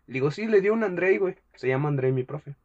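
A young man with a Mexican accent spins a story in slangy casual chat, acting out every quoted line. His voice sits fairly high and swings widely up and down as he talks. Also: animated, quick pace, darkish tone, dull audio. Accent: Mexican Spanish. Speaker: podcast host.

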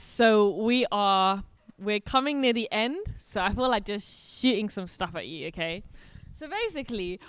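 A woman's voice: on the high side, a bit bright, smooth, no echo, clean studio sound. A woman giving an earnest, informal sermon, talking conversationally with many fillers. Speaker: worship speaker. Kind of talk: informal preaching.

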